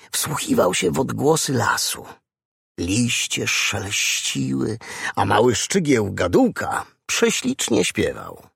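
Male audiobook narrator for kids, slow, gravelly, expressive storyteller. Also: mid-range voice, no room sound, studio quality.

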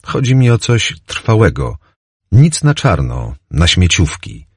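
A man's voice: sits low, wildly swooping pitch, slow pace, slightly rough, no echo, clean studio sound, heavily acted. A man doing an earnest, reserved job seeker. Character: reserved young man seeking steady work.

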